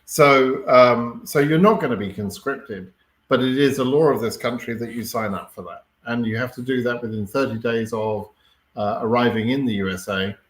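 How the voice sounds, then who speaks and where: Man, live Q&A host, relaxed explainer, lots of fillers, mid pitch, echoey room. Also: normal speed. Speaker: host answering viewer questions. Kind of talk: live Q&A chat.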